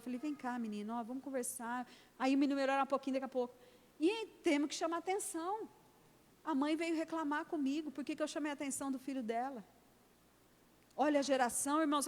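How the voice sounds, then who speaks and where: A middle-aged Brazilian woman pastor preaching an emphatic sermon in a church, acting out conversations with her daughter. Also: high voice. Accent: Brazilian Portuguese. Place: church hall. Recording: long church reverb.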